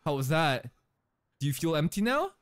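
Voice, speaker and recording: A young man in his twenties giving excited reaction commentary from a small room, close to a boom mic, laughing and breaking into shouts. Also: normal speed, no echo. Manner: animated, laughing, shouts in bursts. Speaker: anime reaction streamer. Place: small room indoors, in a gaming chair. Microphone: studio mic on boom arm, close.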